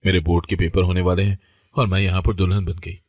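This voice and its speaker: A man's voice: low voice, level tone, fast talker, dry recording, clean studio sound. A man voicing a frightened, tearful teenage bride in a story. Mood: bitter. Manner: pleading, tearful.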